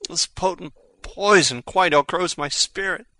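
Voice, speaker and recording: Guy doing a dying noble prince, faint deathbed voice, slow n weary, shakespeare audio drama. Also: high voice, pushed and bright, no room sound. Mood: fading, resigned. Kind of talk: Shakespearean tragedy audio acting.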